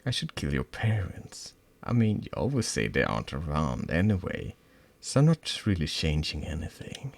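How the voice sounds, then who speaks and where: A man's voice: rumbling low, sing-song, normal speed, gravelly, no room sound, exaggerated voice. A man voicing a cruel teenage girl who taunts and threatens her friend in a cold, menacing way.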